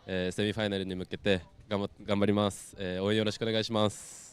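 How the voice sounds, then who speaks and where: A man's voice: lowish voice, flat delivery, racing, clear, resonant tone. A man from Japan, a competitive surfer, answering questions in a post-competition interview.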